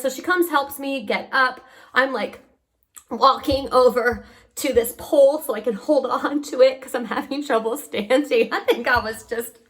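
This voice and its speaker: Chatty woman vlogger telling stories. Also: a little high. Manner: lively storyteller who acts out what people said. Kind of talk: casual storytelling vlog.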